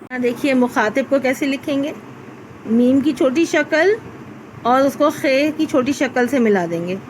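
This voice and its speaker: Patiently spelling letters out step by step, a woman teaches a children's Urdu class at primary level in this recorded lesson. She has a high-pitched voice, and the rough recording has a little hiss or hum.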